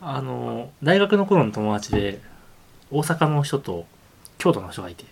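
A young man co-hosting a casual podcast chat, answering quickly and eagerly. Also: medium pitch, sing-song, gravelly, husky. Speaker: podcast co-host.

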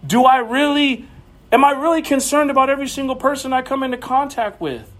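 A pastor with a high, somewhat bright voice preaches earnestly and personally to his congregation, talking fairly quickly. He often stumbles and starts over while telling his story, and the sermon sounds like it was recorded in a church.

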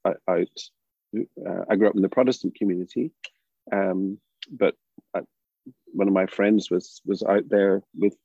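An older Northern Irish man with a low, gravelly, husky voice that sounds dark and mellow. He talks in a reflective, halting way, with many restarts. The audio is dull and muffled. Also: fairly even intonation, no room sound. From Northern Ireland. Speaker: drama educator guest. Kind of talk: reflective interview talk.

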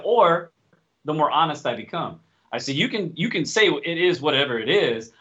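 A man's voice: high-pitched, a bit bright. A man hosting a casual podcast chat, talking bluntly and swearing freely. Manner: blunt, profane, straight-talking. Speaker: podcast host. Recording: dull lo-fi recording.

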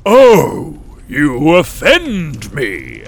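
A man voicing a towering, ancient sun-like elder who smiles and manipulates, speaking in a croaking voice with grand, drawn-out pronouncements. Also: on the high side, huge pitch swings, a crowd in the background, pitched above the performer's own voice, heavily acted. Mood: indignant.

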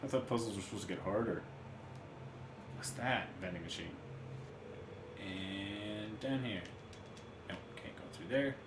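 A man's voice: on the low side, unhurried, long pauses. A man playing a horror game on a podcast, talking casually and wryly, jumpy and self-mocking. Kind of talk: casual let's-play commentary. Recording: echoey room with background noise.

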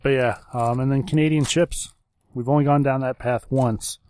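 A man's voice: medium pitch, fairly even intonation, normal speed, a little mellow. A man co-hosting a casual snack-review podcast, joking and laughing often. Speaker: podcast co-host.

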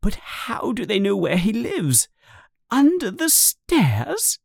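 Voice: medium pitch, very animated, very slow, dark tone, no room sound, clean studio sound, voice pushed up. A narrator voicing an anxious, fretful middle-aged woman, an aunt in an audiobook story. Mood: frightened.

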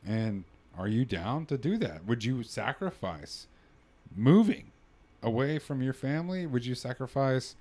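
Animated, joking man of thirty. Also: mid-range voice, measured pace. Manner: animated, joking, laughs easily. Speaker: podcast host. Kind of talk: casual podcast chat.

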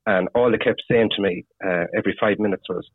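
A man with a west of Ireland, Galway accent telling anecdotes casually, in a husky, rambling, halting way with lots of "you know". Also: lowish voice, fairly even intonation. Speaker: fishing guide (gillie) interviewed as guest. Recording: tinny phone-like radio sound, roomy echo.

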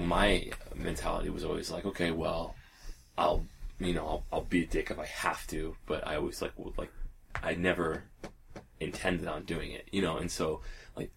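A young man with a very low, gravelly voice, rambling through stories in a relaxed group chat. He leans on filler words and laughs often, and there is a faint hiss behind him.

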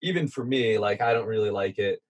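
A man's voice: fairly low pitch, expressive, fairly quick, breathy edge. A man casually telling an adventure story as a guest, chatty and self-deprecating, with plenty of fillers. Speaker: guest content creator.

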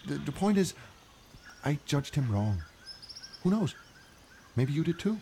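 A man voicing a reflective young male hero who talks haltingly and earnestly in a children's audio story. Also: a little high, very animated, gravelly, dark tone, a little hiss or hum, voice pushed up, full character voice.

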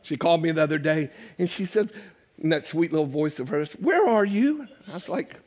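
A man's voice: on the high side, steady tone, fast talker, darkish tone. An older man preaching a sermon as pastor to his church, conversational and joking with the congregation. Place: church sanctuary.

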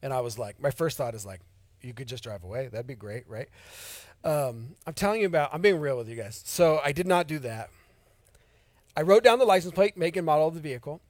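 Candid storytelling pastor, dry close sound. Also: male voice, fairly high pitch, fast, no echo. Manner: candid, self-deprecating storytelling with lively swings in emphasis. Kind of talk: storytelling sermon.

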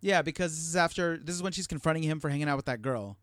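A man's voice: a little high, very fast, a bit bright, no echo, studio quality. A man co-hosting a podcast in casual chat, talking with enthusiasm and laughing along. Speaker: podcast co-host.

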